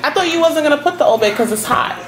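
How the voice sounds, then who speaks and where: Over a noisy crowd, a young woman with a high, animated voice talks fast while vlogging in her home kitchen. She chats casually and lists ingredients as she cooks, with clear sizzling and kitchen noise around her.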